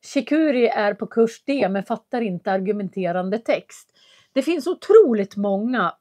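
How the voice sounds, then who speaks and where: Clearly articulating Swedish teacher, woman. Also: medium pitch, animated, mellow. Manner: clear, carefully articulated speech; patient, explanatory. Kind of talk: live language lesson answering chat.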